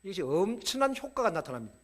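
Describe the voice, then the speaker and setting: A man giving a playful, animated sermon-style lecture to a church audience. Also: high voice, fast talker, husky.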